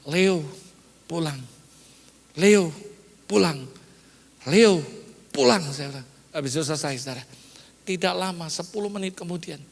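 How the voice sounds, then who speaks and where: High-voiced pastor preaching in a hall. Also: male voice, vocal fry. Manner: mixes English phrases, builds to loud emphatic lines. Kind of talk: sermon.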